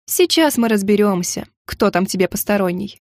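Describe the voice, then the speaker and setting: A possessive dragon lord, speaking low and husky with smug menace, as a woman reads him in a storybook. The delivery is close and dry, with no room around it. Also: animated, normal speed, darkish tone, dry recording, natural voice. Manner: low, husky, smugly threatening. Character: Richard, brooding male dragon lord, teasing and possessive.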